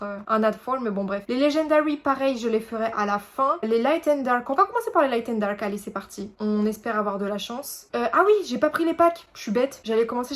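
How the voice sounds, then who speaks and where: A woman's voice: a little high, fairly bright tone. A young woman chatting casually over mobile game summons, rambling with many fillers and self-corrections. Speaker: gaming YouTuber. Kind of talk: casual gameplay commentary.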